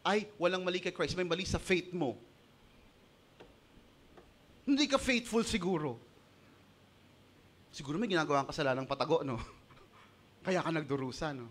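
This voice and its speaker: Bright, high-voiced Filipino pastor. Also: male voice, normal speed, long pauses. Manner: animated, mixing Tagalog and English, acting out quoted voices. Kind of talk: sermon.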